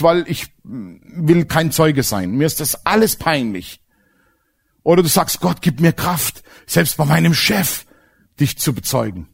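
A man preaching a sermon, telling stories with feeling and dropping to hushed, choked-up moments. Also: fairly high pitch, breathy edge. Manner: emotional, animated storytelling with sudden quiet, choked-up stretches.

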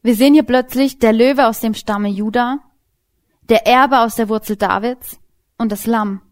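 A young woman giving an informal sermon as a Bible teacher, lively and casual, speaking directly to her listeners. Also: on the high side, normal speed.

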